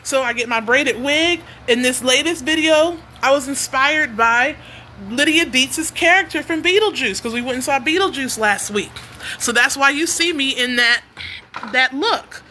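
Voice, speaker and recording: A woman singer-songwriter chatting casually with her livestream viewers, animated and quirky, laughing often. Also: sits high, moderate pace, a little hiss or hum. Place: home near a noisy freeway.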